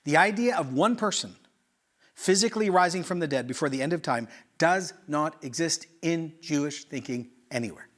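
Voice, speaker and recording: A middle-aged male pastor from Canada, preaching in an animated, conversational way with rhetorical questions and quick asides. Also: on the high side. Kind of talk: sermon.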